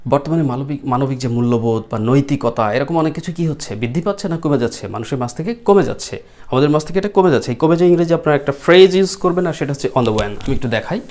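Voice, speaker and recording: Writing on a screen as he goes, a Bengali-accented man teaches English vocabulary in a mid-range, somewhat mellow voice. Words get spelled out letter by letter and repeated, and he asks the class questions only to answer them himself.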